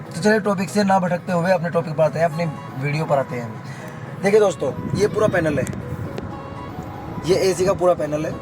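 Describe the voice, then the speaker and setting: Hoarse male vlogger, slightly high voice, casual in-car demo, music bed behind. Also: normal speed, rough recording. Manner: keeps saying "friends" and "okay" to viewers. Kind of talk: casual how-to demonstration. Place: inside a car.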